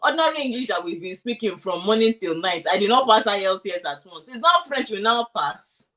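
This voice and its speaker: Sharing her immigration story in an interview, this woman chats casually and with animation, voicing her own past thoughts and words. Her pitch is medium, her pace a little fast, and the mic is distant.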